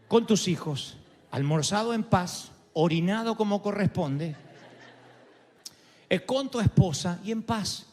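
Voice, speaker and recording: A preacher voicing the Lord as a gentle, reassuring voice in a sermon story. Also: male voice, high voice. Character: the Lord speaking gently to a man. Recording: long hall reverb, faint music.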